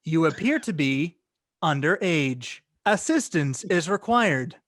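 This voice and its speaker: A man putting on the voice of a glitching self-checkout machine, speaking in stilted, halting phrases and repeating an error. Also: a little high, animated, a bit bright, dry recording, clean studio sound. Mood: robotic.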